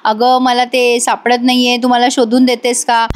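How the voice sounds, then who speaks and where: A scheming man who coaxes slowly and hesitantly with fake innocence, as a woman puts him on. The voice stays high. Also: completely flat delivery, lightly acted. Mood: coaxing. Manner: coaxing, hesitant.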